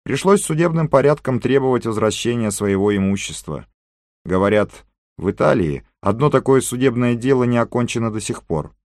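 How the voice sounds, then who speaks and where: A man voicing a calm, immovable, phlegmatic character in an audiobook, making slow, dry remarks. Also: mid-range voice, no echo, voice pushed up, close to an everyday voice. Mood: sage.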